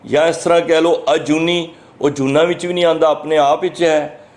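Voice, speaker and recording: A man with a Punjabi accent giving a sermon, explaining scripture line by line in an earnest, teaching manner and drawing verses out slowly before he explains them. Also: a little high, level tone, a little mellow. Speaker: Sikh preacher giving scripture commentary.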